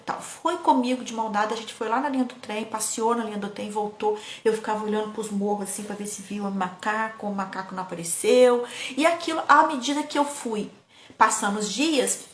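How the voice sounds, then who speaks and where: A woman, a parenting educator telling childhood stories in a lively, casual way, often turning to her audience. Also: on the high side, brisk, slight background noise. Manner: lively, keeps addressing the audience. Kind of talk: casual storytelling talk. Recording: echoey room.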